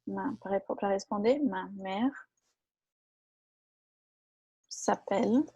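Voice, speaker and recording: Woman teaching French, husky. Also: mid-range voice, very slow, mellow, no echo, dull audio. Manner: explains in Portuguese with French examples, corrects herself. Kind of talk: online language lesson.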